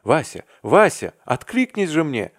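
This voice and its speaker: A man's voice: on the low side, animated, a little slow, no echo, clean studio sound. A man reading aloud and voicing a terrified young man who cries out desperately to his friend. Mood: shouting. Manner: crying out, desperate.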